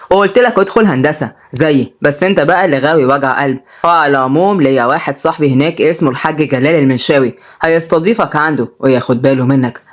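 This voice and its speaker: A woman voicing a blunt middle-aged father, an engineer, in a lowered voice.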